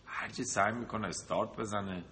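Bright-voiced man preaching in a hall. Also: lowish voice, steady tone, a little hiss or hum. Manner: asks rhetorical questions and lists examples. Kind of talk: sermon with a told anecdote. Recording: long reverb of a large hall.

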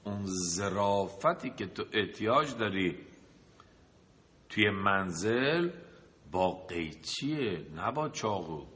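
A man's voice: on the low side, expressive, a bit bright. A man giving a sermon who tells a story, asks rhetorical questions and lists examples. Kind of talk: sermon with a told anecdote. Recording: long reverb of a large hall.

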